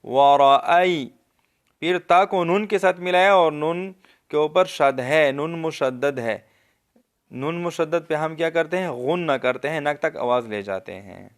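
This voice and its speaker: A man with a Pakistani Urdu accent teaching tajweed, explaining the rules and then reciting the verses slowly in a raised, melodic voice, often checking whether the listener understood. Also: on the high side. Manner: asks the listener if they understood. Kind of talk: tajweed lesson with slow demonstration recitation.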